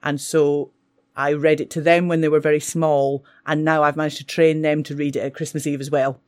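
A woman's voice: low voice, little pitch movement, fairly quick, darkish tone. A woman teacher, talking with enthusiasm about books she loves. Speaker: English teacher. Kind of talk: casual talk for school radio.

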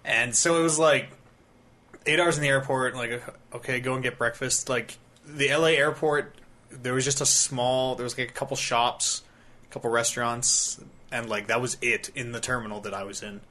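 A man's voice: mid-range voice, fairly even intonation, normal speed, bright, forceful tone. A man hosting a gaming podcast, telling a rambling travel story in casual chat, swearing freely. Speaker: podcast host.

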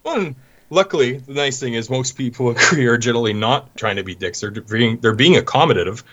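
Canadian man, low husky voice, rambling guest in casual chat, muffled recording. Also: fast talker, fairly bright tone. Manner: rambling, many restarts, anecdotal. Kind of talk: casual conversation. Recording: dull lo-fi sound.

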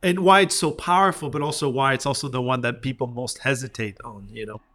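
Guy being interviewed, bright punchy voice, explaining stuff kinda emphatically, mid pitch. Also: steady tone, brisk. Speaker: author interviewed as a guest. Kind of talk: conversational interview.

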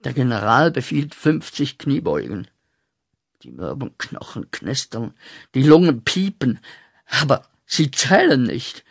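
A man acting a guilt-ridden corporal back from the war, in a radio play, speaking with slow, intense, declaiming rhythm. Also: medium pitch, very animated, gravelly, breathy edge, dry recording, studio quality, full character voice. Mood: haunted.

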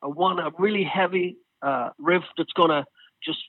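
A man being interviewed as a guest singer, telling stories in a casual, animated way and acting out what others said. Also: fairly high pitch, normal speed, dry recording. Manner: animated storyteller, acts out quoted exchanges. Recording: tinny phone line.

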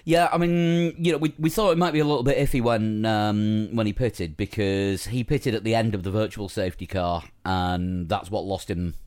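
Low-voiced man, rambling chat. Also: fairly even intonation, moderate pace, few pauses, a little mellow. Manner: rambling, with many fillers and restarts. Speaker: podcast host. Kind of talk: casual chat about motor racing.

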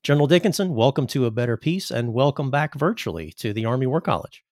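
An American man working as a podcast host, reading a scripted introduction and questions in a formal, measured way. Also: mid-range voice, animated, a little mellow, dry recording, clean studio sound. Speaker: podcast host, army officer.

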